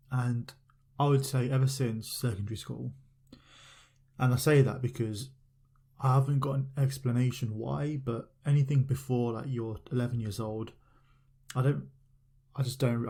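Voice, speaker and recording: Rambling young man, mellow voice. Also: medium pitch. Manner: rambling, filler-heavy, loose storytelling. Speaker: podcast host. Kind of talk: casual solo podcast chat.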